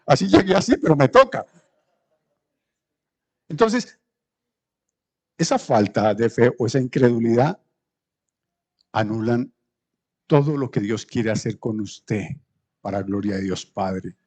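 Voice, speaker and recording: A male pastor preaching a sermon, acting out the voices of the people he quotes with big swings in pitch. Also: lively intonation, a little slow, long pauses, slightly rough. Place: church.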